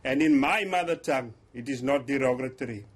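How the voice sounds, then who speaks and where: Interviewed formally on television, a police officer with a mid-range voice speaks English in an Afrikaans South African accent, Afrikaans being his first language. He delivers deliberate, emphatic points.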